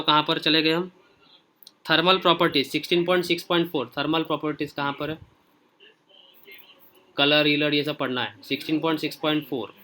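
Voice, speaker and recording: A man leads a casual online lesson with a bright, forceful voice. He talks straight to his students and checks in often as he moves through the pages. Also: a little high. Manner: informal, repeats "okay" often while scrolling through pages; speaks directly to students. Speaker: teacher. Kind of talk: casual screen-share lesson.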